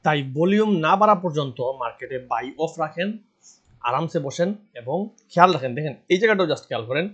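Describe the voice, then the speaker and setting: A man's voice: on the high side, expressive, fast, a bit bright, breathy edge. A man from Bangladesh giving casual stock market commentary, earnest and insistent, repeating his advice. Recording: dull lo-fi voice recording.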